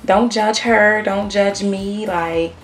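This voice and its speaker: A woman's voice: medium pitch, fairly even intonation, takes it slowly, distant mic, soft background music. A woman vlogger, chatting casually to viewers through a wig tutorial, with peppermint in her mouth. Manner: chatty, addresses viewers as y'all. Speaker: beauty vlogger.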